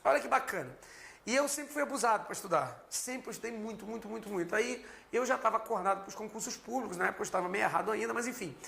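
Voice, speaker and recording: A man, teaching criminal law in an animated, slangy lecture full of personal stories. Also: high voice, fast talker, gravelly, a little hiss or hum. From Rio de Janeiro, Brazil. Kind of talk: energetic lecture with personal anecdote.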